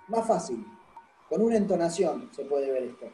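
A man's voice: a little high, sing-song, normal speed, warm tone, reverberant, soft background music, poor audio. A man giving a university lecture. He explains patiently and keeps checking that the class follows. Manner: explanatory, constantly checks understanding with "¿sí?".

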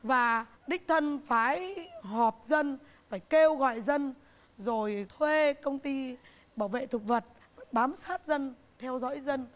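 A middle-aged woman who owns a business sits for an interview in a TV studio, her voice pitched high. Her answers are earnest but halting, with frequent repetition.

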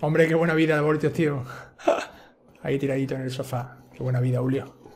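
A man with a Spain Spanish accent streaming a game live, chatty and quick to swear and yell when startled. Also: medium pitch, fairly even intonation. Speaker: gaming streamer. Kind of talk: live gameplay commentary.

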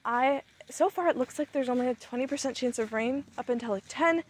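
A woman's voice: high voice, a little fast. A young woman in casual, talkative, rambling vlog chat, recorded outdoors on a phone at arm's length as she walks. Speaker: vlogger. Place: outdoors, walking across an open camp.

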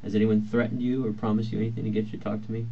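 Deep-voiced male detective on interrogation tape. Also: little pitch movement, racing, creaky, warm tone. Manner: polite, procedural and reassuring. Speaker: police detective. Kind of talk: police interrogation, reading rights and questioning. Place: police interview room. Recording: muffled lo-fi interview-room recording with faint hiss.

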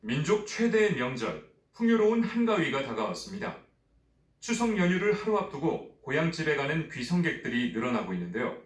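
A man reading scripted textbook audio in a brisk news anchor delivery. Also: a little high, big pitch swings. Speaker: recorded textbook audio speaker. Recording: roomy audio played back from a distance.

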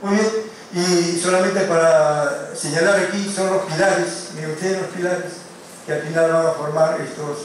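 A male lecturer teaching a class, who often stops on fillers and keeps checking in with quick tag questions. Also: a little high, fairly even intonation, slight background noise. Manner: hesitant, with many fillers and restarts. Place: lecture room. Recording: very echoey room, mic far off.

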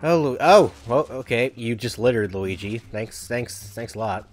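A man doing casual let's-play commentary, rambling and giggly, his pitch bouncing around in a lively way. He fills his thoughts with fillers and asides. Faint game music plays underneath. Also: moderate pace. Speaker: gaming video host.

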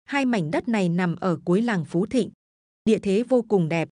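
A woman narrates a spooky village folk tale in a steady, even storytelling voice. The recording is dry and close, with no room echo. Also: mid-range voice, moderate pace.

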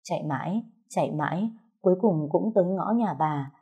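Low husky woman narrating a story. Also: animated, moderate pace, mellow. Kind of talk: first-person story narration.

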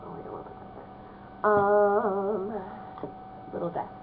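Hoarse young woman chatting on a thin line. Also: mid-range voice, flat delivery, measured pace. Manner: chatty, rambling, frequent ums. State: hoarse from a cold. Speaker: vlogger. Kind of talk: casual haul vlog. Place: home, at a small desk. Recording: phone-like narrow band, faint hiss.

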